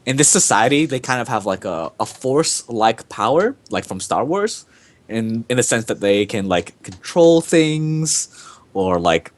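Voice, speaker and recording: A man's voice: medium pitch, lively intonation, measured pace. A young man hosting a casual podcast, talking in a rambling, enthusiastic way full of fillers. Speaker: podcast host.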